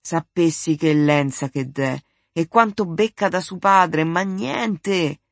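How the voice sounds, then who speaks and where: A reader voicing sora Adele, a loud, plump, fussy Roman matron with a Roman accent, in an audiobook reading, talking in a shrill, scolding, gossipy way. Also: takes it slowly, no echo.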